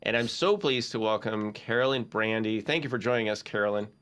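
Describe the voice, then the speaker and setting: Low-voiced easygoing male host. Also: a little fast, fairly bright tone, smooth. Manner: easygoing, affirming, rambling questions. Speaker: podcast host. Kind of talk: casual interview chat.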